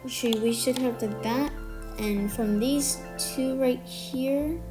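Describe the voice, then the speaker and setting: Speaking slowly in a voice that sits high, a slightly sick tutorial maker leads a step-by-step building tutorial, counting blocks and correcting small mistakes. Music plays under the narration.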